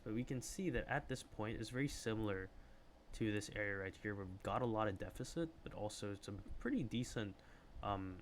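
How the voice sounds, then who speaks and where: A man's voice: fairly low pitch, a little hiss or hum. Chatty man analyzing charts on a stream. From Philippines. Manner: chatty, reacts to chat with excited bursts. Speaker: livestream trading host. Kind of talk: casual live chart analysis.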